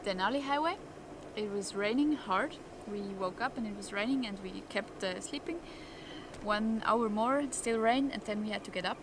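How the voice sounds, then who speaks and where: A woman, a touring cyclist, speaking English, candid and a little halting. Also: medium pitch, background noise. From Switzerland. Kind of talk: interview recollection.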